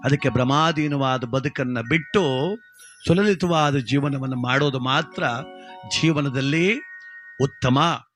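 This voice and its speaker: A man telling a comic village folk story in a lively, chatty way. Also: mid-range voice, unhurried, long pauses, faint music behind. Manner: lively, chatty, addresses listener.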